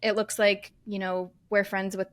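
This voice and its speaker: A woman's voice: mid-range voice, level tone, normal speed. A woman co-hosting a podcast in casual chat, telling candid stories with lots of fillers. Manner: chatty, candid storytelling with many fillers. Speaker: podcast co-host.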